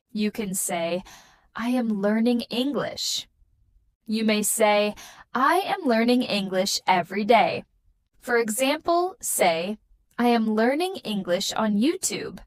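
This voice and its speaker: A woman with a slightly high voice teaches a scripted beginner English lesson, speaking slow, carefully spaced, patterned sentences. There is no room sound.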